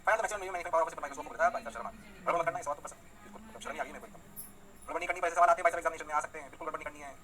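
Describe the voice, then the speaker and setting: A man teaches physics in a rapid-fire lecture, his voice sharp and pitched high. He keeps coaxing his students and answers for them in an energetic call and response. A faint hiss sits under his voice. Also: low-quality recording. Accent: Hindi. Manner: fast, rapid-fire explanations.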